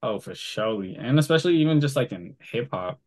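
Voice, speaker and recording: A man's voice: medium pitch, animated, fairly quick, darkish tone. A young man co-hosting a podcast, bantering casually in a laid-back, slangy way. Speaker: podcast co-host. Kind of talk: casual chat.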